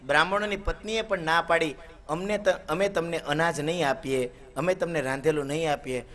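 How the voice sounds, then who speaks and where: A man's voice: on the high side, normal speed, a bit bright. A man, a katha preacher telling a devotional story sermon. He chants Sanskrit verses and voices the characters' dialogue as he narrates.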